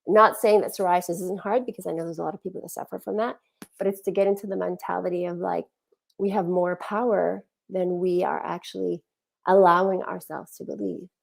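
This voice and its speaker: Gravelly-voiced woman speaking animatedly. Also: on the low side, brisk. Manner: animated, acts out quoted feelings. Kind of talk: conversational talk on healing.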